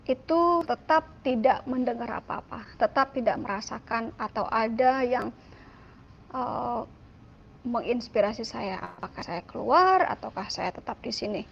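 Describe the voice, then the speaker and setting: Woman telling her conversion story, high voice, chatty with lots of ums, muffled lo-fi audio. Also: unhurried, creaky, a little hiss or hum. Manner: conversational, many fillers, acts out quotes. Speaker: testimony speaker. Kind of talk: personal testimony storytelling. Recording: dull lo-fi sound.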